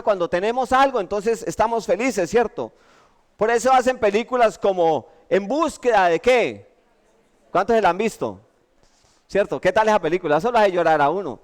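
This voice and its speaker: A Colombian man preaching a lively sermon with humorous stories, often checking in with the congregation. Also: high voice. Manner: animated, keeps asking the congregation "¿cierto?". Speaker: pastor. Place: church.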